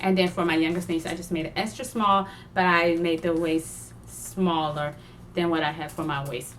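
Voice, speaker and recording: A young woman chatting casually about her sewing projects, digressive and quick to laugh. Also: lowish voice, fairly even intonation, slight background noise. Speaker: sewing vlogger. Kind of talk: casual chat.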